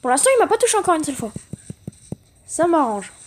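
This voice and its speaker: A woman giving casual, excitable gameplay commentary, chatting with her viewers and swearing casually. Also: high voice, fast talker, a little hiss or hum. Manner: talks directly to viewers. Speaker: gaming video creator.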